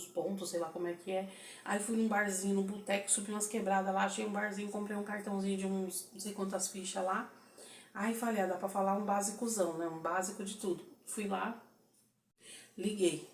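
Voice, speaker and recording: A woman with a Brazilian Portuguese accent, casually telling a story to camera, chatty and animated, acting out the people she talks about. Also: medium pitch, roomy sound, recorded from a distance, a little hiss or hum. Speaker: vlogger. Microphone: phone.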